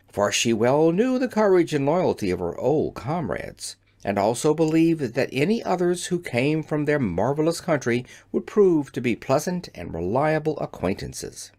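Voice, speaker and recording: A narrator giving a measured, expressive storybook reading. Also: mid-range voice. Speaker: audiobook narrator.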